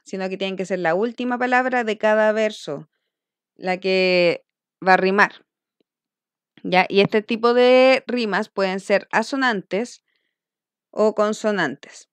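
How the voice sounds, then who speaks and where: Smooth-voiced woman teaching a class. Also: medium pitch, dry recording. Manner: explains step by step, checking in with frequent "¿ya?". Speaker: school language teacher. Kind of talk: recorded online lesson.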